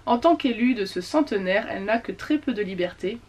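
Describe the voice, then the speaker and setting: A woman's voice: medium pitch, animated, brisk, a little mellow. A woman chatting casually about her latest book purchases, with many fillers and self-corrections. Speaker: book vlogger. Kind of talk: casual book haul chat.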